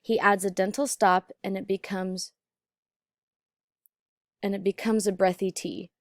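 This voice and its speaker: Female instructor, medium pitch, deliberate teaching narration, very dry voice-over. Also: little pitch movement, no room sound. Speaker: accent teacher.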